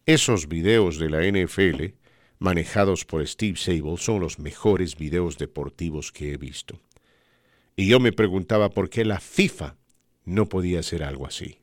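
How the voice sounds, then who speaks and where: Deep-voiced sportscaster telling stories. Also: male voice, no echo, clean studio sound. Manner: rambling anecdotes with frequent "¿no?" tags. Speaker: radio sportscaster. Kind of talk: storytelling on a podcast.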